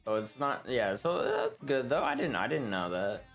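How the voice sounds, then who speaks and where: A man's voice: medium pitch, very animated, moderate pace, fairly bright tone, faint music behind. A man chatting casually on a game stream, rambling and joking with lots of swearing.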